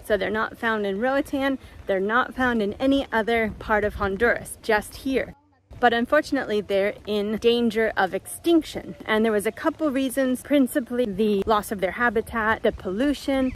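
A woman's voice: fairly high pitch, low-quality recording. Middle-aged woman, travel vlogger, chatty and upbeat, light background noise. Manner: chatty, upbeat, explains as she goes. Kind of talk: casual travel narration.

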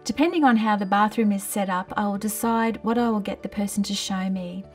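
Middle-aged woman, occupational therapist, mid-pitched, calm and measured training narration. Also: far from the mic, soft background music. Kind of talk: scripted training narration and gentle client questioning. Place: small tiled bathroom in a home.

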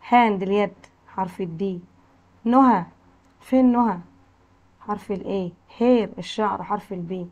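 A woman with an Egyptian accent teaching English to young children, slowly modelling words and letter sounds. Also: medium pitch, darkish tone, muffled recording. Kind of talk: classroom lesson explanation.

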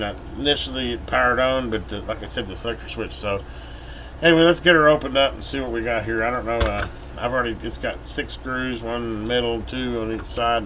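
At an indoor workbench, a repair channel host, a middle-aged American man, thinks aloud in a folksy, rambling, casual way as he comments on a repair. His voice is medium in pitch, the recording is low quality, and a steady air-conditioner-like hum runs underneath.

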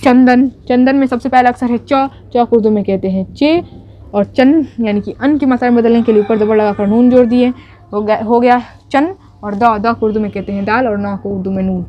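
A woman teacher explaining a writing lesson slowly and patiently, repeating each step and checking in with her students. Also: on the high side, steady tone. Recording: dull lo-fi audio.

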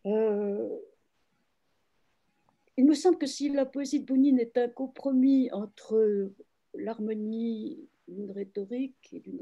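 A woman literary translator explaining her work in an online panel discussion, reflective and hesitant, with frequent pauses and restarts. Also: fairly high pitch, creaky, dark tone, breathy edge, dull audio. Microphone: video call.

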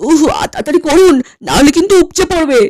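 A woman's voice: extremely high pitch, quick pace, a little mellow, a little hiss or hum. A woman voicing a harried young cartoon husband who talks in an urgent, pleading way. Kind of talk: comic cartoon voice acting.

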